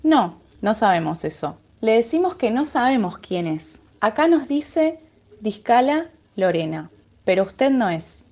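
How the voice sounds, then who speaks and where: A formal, rule-bound clerk in a radio sketch who politely evades every question, as a woman plays the part. The voice is fairly high and moves a lot in pitch. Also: very animated, measured pace, dark tone, lo-fi sound, heavily acted. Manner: formal, evasive, politely dismissive. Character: evasive bureaucratic clerk following rules.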